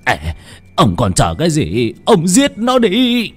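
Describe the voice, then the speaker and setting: A man voicing a cruel older man in a horror story, shouting in panic with a strained, high voice. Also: huge pitch swings, slow pace, breathy edge, faint music behind, exaggerated voice. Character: panicked cruel old man, desperate boss.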